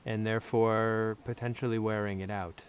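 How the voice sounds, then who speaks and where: A man with a lowish voice talks through anatomy in an easy interview chat. He explains step by step, pausing with fillers as he thinks aloud. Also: level tone, clear, resonant tone. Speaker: anatomy teacher answering questions. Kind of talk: conversational interview.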